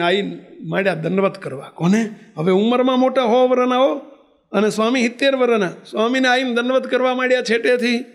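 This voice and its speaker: A man giving a devotional sermon, telling a story in an animated way and speaking directly to his listeners. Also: high voice. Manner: animated, chants drawn-out ecstatic exclamations. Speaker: spiritual leader giving a discourse.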